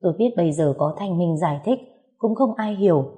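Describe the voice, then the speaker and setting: A woman narrating a first-person story in a lively, indignant way. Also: on the low side, brisk.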